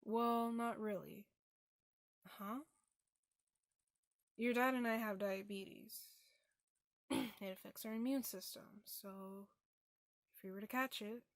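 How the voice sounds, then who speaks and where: A woman's voice: mid-range voice, fairly even intonation, takes it slowly, pauses often, no room sound, studio quality. A young woman playing her own mother, a matter-of-fact, bossy middle-aged parent who nags. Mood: serious. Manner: nagging orders when scolding.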